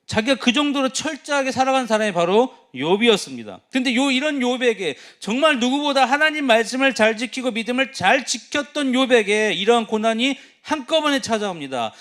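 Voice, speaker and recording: A youth pastor preaching a sermon, earnest and emphatic, firing rhetorical questions at the congregation. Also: male voice, very high-pitched, animated, a little fast, hardly any pauses, fairly bright tone.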